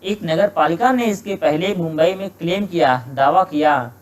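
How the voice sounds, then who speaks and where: A man with a slightly high voice leads an English grammar lesson aimed at exam preparation. He slowly reads each sentence word by word, explains it in Hindi, and regularly puts rhetorical questions to himself. The audio quality is rough.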